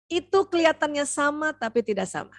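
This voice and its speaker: A woman doctor giving a seminar lecture to mothers, lively and talking straight to her audience. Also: sits high, fairly quick, dry recording, studio quality. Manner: lively, acts out parent and child voices; addresses the audience directly with frequent "ya".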